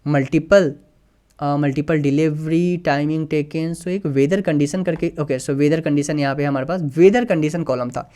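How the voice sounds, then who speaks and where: A man's voice: fairly high pitch, moderate pace, dark tone. A man teaching a coding tutorial, patiently explaining each step and reading code aloud as he types it, with English terms mixed into his speech. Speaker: tutorial instructor. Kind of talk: screen-recorded coding tutorial.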